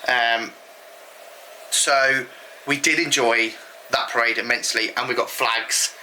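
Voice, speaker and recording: A man's voice: medium pitch, steady tone, a little slow, bright, forceful tone, slight background noise, low-quality recording. A British man co-hosting a vlog, chatting casually with frequent ums. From United Kingdom. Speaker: vlog co-host. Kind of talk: casual chat.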